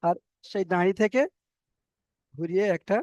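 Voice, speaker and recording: A man with a Bengali accent and a fairly high voice, teaching Arabic letters in a patient, step-by-step way. He repeats each letter name and stretches the vowels to show the right length. The sound is close and dry, with no room around it. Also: fairly even intonation, normal speed, warm tone, no echo, lo-fi sound. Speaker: Quran reading teacher. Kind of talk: explanatory online lesson.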